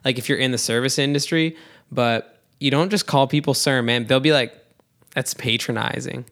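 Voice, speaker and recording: A man's voice: medium pitch, a little fast, a bit bright. A young man from New Jersey co-hosting a podcast, telling stories in casual chat with frequent fillers. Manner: chatty, lots of "like", storytelling. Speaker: podcast co-host.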